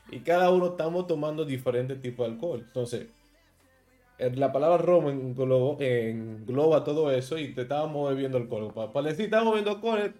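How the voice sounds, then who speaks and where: The host of a laid-back streamed interview is a man in his thirties from Santo Domingo, Dominican Republic, with a Dominican accent and a mid-range voice. He explains local slang with a laugh.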